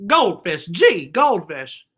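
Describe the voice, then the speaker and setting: This story-time host has a lowish, husky voice that is fairly bright and very animated, though her pace is slow. She presents a children's show with letter lessons and singing, acting playful, theatrical, and giggly.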